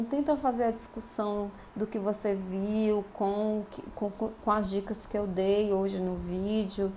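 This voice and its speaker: Brazilian female lecturer, mid pitch, a little under the weather, encouraging recorded talk to students. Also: darkish tone, a little hiss or hum. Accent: Brazilian Portuguese. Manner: encouraging, keeps checking in with "tá bom?". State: voice worn by a cold. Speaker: university lecturer.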